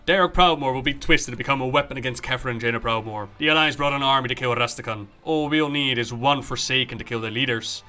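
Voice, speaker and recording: A man's voice: medium pitch, quick pace, hardly any pauses, pushed and bright, faint music behind. A man streaming a game, commenting live, joking, recapping the story and acting out dialogue as he reads.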